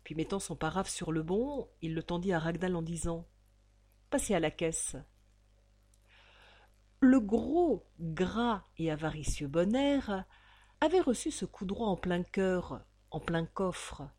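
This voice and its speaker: A woman narrates an old novel aloud, slowly and theatrically. She leans into each dramatic phrase with measured weight. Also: on the low side. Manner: expressive, theatrical. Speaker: audiobook reader.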